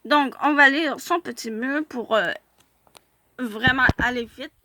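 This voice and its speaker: A woman's voice: high voice, slow, sharp tone, slight background noise. A woman chatting casually in a vlog as she reviews fan profiles, hesitating often with filler sounds and restarts.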